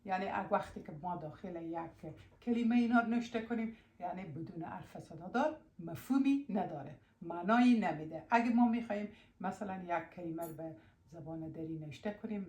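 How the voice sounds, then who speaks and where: A woman with an Afghan Dari accent teaching a language lesson, patiently asking questions, answering them herself and repeating words slowly. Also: on the low side, darkish tone. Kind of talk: spoken lesson. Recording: roomy echo.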